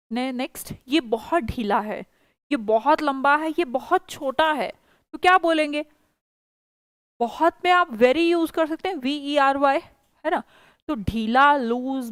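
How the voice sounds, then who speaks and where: A woman teaching a spoken English class, explaining patiently and saying example sentences slowly. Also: high-pitched, no echo. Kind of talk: online class teaching, mixing Hindi and English.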